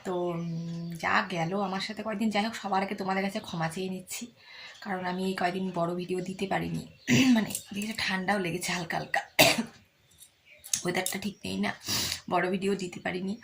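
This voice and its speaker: A woman's voice: mid-range voice, steady tone, brisk, vocal fry, long pauses, a little hiss or hum. A woman vlogger greeting her viewers in casual chat, apologetic and recovering from illness. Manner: chatty, apologetic, with fillers. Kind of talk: casual vlog intro.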